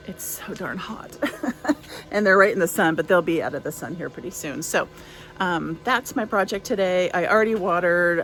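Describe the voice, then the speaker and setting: A garden vlogger chats casually while working outdoors in her garden, rambling with lots of fillers. Her voice is lowish. The recording is low quality, with a bit of hiss or hum.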